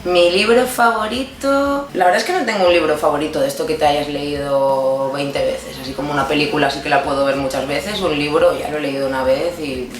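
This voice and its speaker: A thirty-year-old woman from Barcelona with a Spain Spanish accent, talking through a casual personal Q&A in a chatty, playful way. She laughs often and fills pauses with hesitations. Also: deep voice, echoey room, low-quality recording. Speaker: guest answering personal questions.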